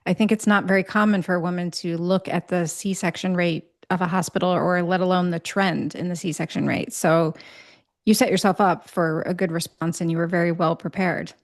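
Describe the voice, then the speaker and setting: Woman, podcast co-host, lower pitch, encouraging, affirming. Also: fairly even intonation, normal speed. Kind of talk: conversational interview.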